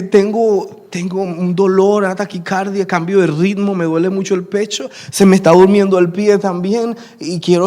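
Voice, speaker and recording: A man, preaching a sermon and telling a personal story, acting out the dialogue. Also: high-pitched. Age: 30s. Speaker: pastor.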